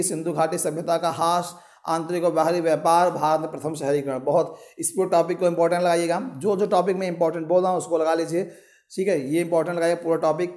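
A man's voice: high-pitched, a little mellow. A male teacher walking students through an exam syllabus, answering his own questions and telling them what to underline. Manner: explains with rhetorical questions and repeated reminders to underline. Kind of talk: syllabus walkthrough lecture.

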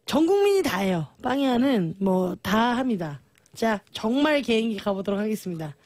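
A woman hosts a radio show in a teasing, playful way and laughs easily. Her voice sits fairly high and sounds husky. It swings widely in pitch, and the dry studio mic keeps it close. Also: very animated, moderate pace, a little mellow, dry recording. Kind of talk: lively radio chat.

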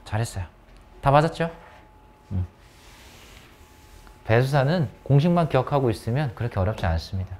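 A man's voice: mid-range voice, moderate pace, long pauses. A man teaching an English grammar lesson in a classroom, asking his students question after question and calling on them by name, with English. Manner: lively, coaxing questions to students. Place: academy classroom.

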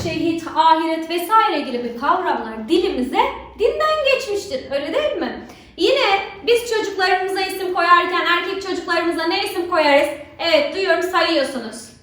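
A woman teacher with a very high voice talks children through a lesson, constantly checking in with rhetorical questions. She is recorded in a strongly echoing room, and her voice sits well away from the microphone. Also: fairly bright tone. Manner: keeps asking rhetorical questions to draw pupils in. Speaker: religion teacher. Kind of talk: recorded remote lesson for schoolchildren. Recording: very echoey room, voice far from mic.

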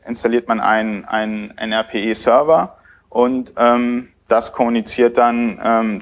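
A man in his thirties giving a technical conference talk at a podium in a lecture hall, speaking hesitantly with many filler sounds. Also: medium pitch.

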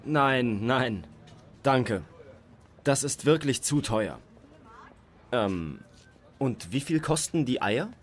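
A man acting a polite shopper at a market in a scripted language-lesson dialogue, speaking slowly and deliberately. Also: mid-range voice, animated. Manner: slow, deliberate learner-friendly delivery.

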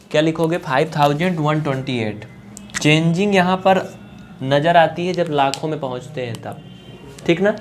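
A man's voice: a little high, a little hiss or hum. A man teaching a basic math lesson at a board, often asking the class a question and then answering it himself. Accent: Hindi-speaking Uttar Pradesh.

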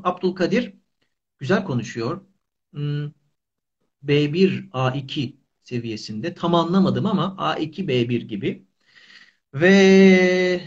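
High-voiced man teaching on a livestream. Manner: simple short phrases, repeated for learners. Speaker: Turkish teacher and live host. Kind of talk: casual livestream language lesson. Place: small indoor room. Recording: dull lo-fi livestream audio.

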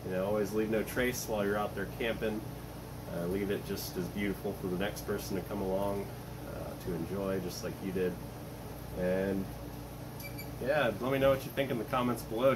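A relaxed man in his thirties talks through his gear in a low, easygoing voice. He chats casually, with plenty of uh fillers. An air conditioner hums clearly in the room behind him. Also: noisy background. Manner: relaxed, chatty, with frequent uh fillers. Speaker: vlogger showing camping gear. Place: cluttered home storage room and kitchen, indoors.

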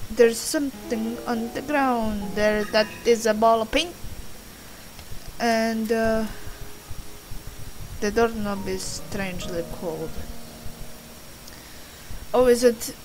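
A woman's voice: on the high side, slow pace, pauses often, darkish tone, a little hiss or hum, low-quality recording. A young woman doing casual gameplay commentary in a rambling, sweary, self-deprecating way. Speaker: gaming video host. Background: game music.

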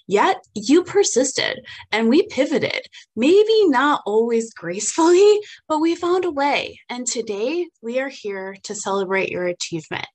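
A woman in her forties, a biology teacher, recording a playful, lively congratulatory message alone in an empty classroom. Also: on the high side. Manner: playful, self-mocking, lively.

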